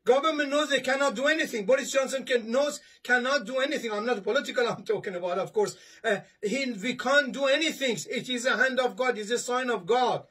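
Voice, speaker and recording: Briskly and with few pauses, a husky, high-voiced imam delivers a Friday sermon, his tone a bit bright. Gesturing while reading from papers, he is earnest and repetitive and restarts many times; a camera a few steps in front films him in an indoor study lined with bookshelves.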